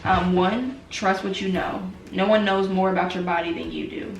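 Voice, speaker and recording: A young woman with a gravelly voice reads health tips aloud and remarks on each one. She sounds roomy and a little distant from the mic. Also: lowish voice, steady tone, normal speed, slight background noise. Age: young adult. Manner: reads items aloud and comments on them. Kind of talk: casual chat, reading tips aloud.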